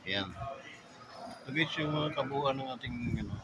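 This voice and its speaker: A man hosting a casual vlog, joking and rambling, tagging his phrases with 'no?', a bit hoarse after a recent illness. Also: mid-range voice, normal speed. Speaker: motovlogger host. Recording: vlog with loud background noise.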